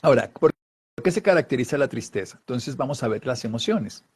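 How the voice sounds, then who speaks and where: A man's voice: mid-range voice, expressive, a little fast, a little mellow, husky. A man giving an explanatory talk on emotions, acting out little voiced examples. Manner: acts out little voiced examples, sometimes laughing. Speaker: wellness speaker.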